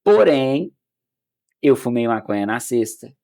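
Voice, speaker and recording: A man's voice: mid-range voice, unhurried, creaky. Brazilian man telling his testimony. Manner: animated storyteller who acts out quoted dialogue; frequent restarts and filler words. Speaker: podcast guest. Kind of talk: personal faith testimony in casual chat.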